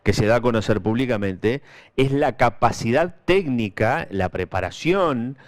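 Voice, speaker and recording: A man's voice: mid-range voice, expressive, measured pace. A man interviewing conversationally, rephrasing and interjecting to clarify.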